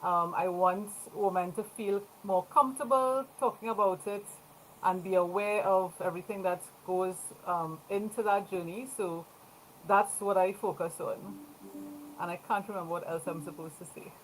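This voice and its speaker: A woman's voice: lowish voice, fairly even intonation, normal speed, slight background noise, poor audio. A woman from Trinidad and Tobago who is a dietitian, introducing herself on a video call in a friendly, plain-spoken way. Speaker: dietitian and coach. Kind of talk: casual self-introduction.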